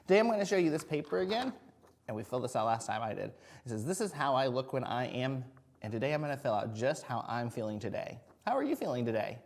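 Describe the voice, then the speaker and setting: A man's voice: medium pitch, very animated. A man teaching young children in a video lesson, encouraging, using simple words and asking frequent questions as if talking to little kids. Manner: encouraging, singles out and spells words slowly. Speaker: first grade teacher.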